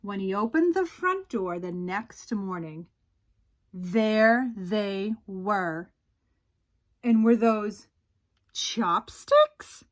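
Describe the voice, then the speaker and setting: Reading aloud from a children's picture book, this woman takes on a storyteller's role, lingering over suspenseful beats with dramatic expression in a mid-range voice.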